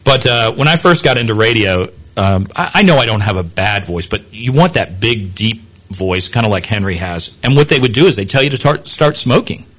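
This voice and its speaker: A man's voice: fairly low pitch, animated, normal speed, fairly bright tone. Rambling fill-in radio host, man. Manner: rambling, self-deprecating, many restarts. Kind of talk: casual radio chat.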